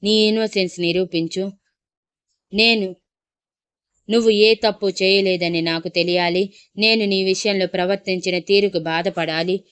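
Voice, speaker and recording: A woman's voice: mid-range voice, fairly even intonation, normal speed, long pauses, a bit bright, clean tone, dry recording, lightly acted. A woman voicing a harsh, domineering, hot-tempered young husband who talks in a commanding, scornful way. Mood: stern.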